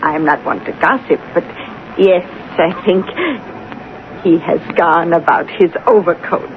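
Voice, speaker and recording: A woman's voice: on the low side, a little slow, lightly acted. An actress playing a nosy, gossipy and deferential landlady in a 1970s radio drama. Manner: gossipy, obsequious. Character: nosy, deferential Russian landlady of a lodging house. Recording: tinny, noisy 1970s radio broadcast.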